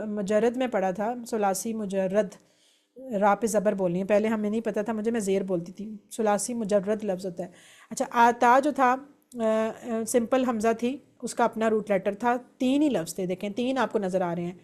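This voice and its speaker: Lady teaching arabic grammar, kinda high voice, patient, says the verb forms out loud one by one. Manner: patient, explains step by step, recites verb forms aloud. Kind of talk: online grammar lesson.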